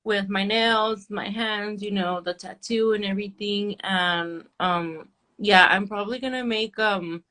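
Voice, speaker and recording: A woman, a nail artist chatting candidly as an interview guest, relaxed and full of "like" and "um". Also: medium pitch, a little slow. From Orange County, California. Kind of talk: casual interview chat.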